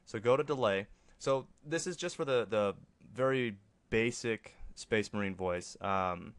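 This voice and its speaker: A man presenting a casual, offhand software tutorial as a voice-over to a screen recording. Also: on the low side, clear, resonant tone, no room sound. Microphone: close microphone, voice-over for screen capture.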